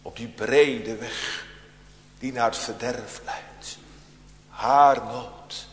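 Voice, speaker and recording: A man preaching a sermon in a solemn, deliberate way, with dramatic pauses, swinging between loud emphatic calls and hushed near-whispers. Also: mid-range voice, steady tone. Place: church. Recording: long church reverb.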